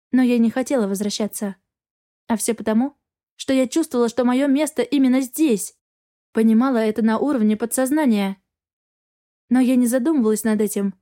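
A woman's voice: on the high side, mellow. Woman narrating a first-person audiobook.

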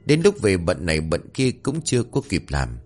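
Low-voiced guy telling a creepy village ghost story, really animated, quiet music behind. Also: moderate pace. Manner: expressive, dramatic storytelling. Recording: faint background music.

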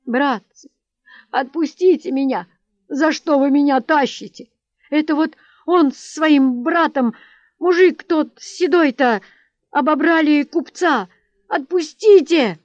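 A woman's voice: high-pitched, slow, no echo, muffled recording, voice pushed up. A woman reading an audiobook voices a frightened young vagabond who pleads in a trembling voice. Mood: pleading.

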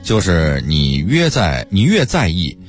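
A man's voice: low-pitched, takes it slowly, soft background music. Joking man on radio. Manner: joking, lively banter. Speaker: radio co-host. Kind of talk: casual radio chat.

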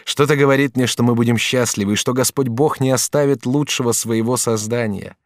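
A man's voice: medium pitch, fairly quick, no room sound, studio quality, voice pushed up, lightly acted. A man reading an audiobook, voicing a passionate, anxious young male apprentice who speaks in rising, impassioned questions. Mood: loving.

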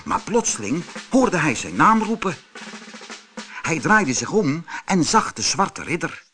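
A man reading a fairy tale aloud as narrator, slow and expressive. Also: fairly high pitch, soft background music. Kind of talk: storybook reading.

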